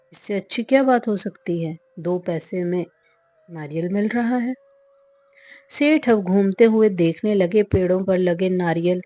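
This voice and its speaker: Woman telling a funny folk story, slow and mellow, calm. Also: medium pitch, no echo. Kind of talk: scripted comic folk-tale narration.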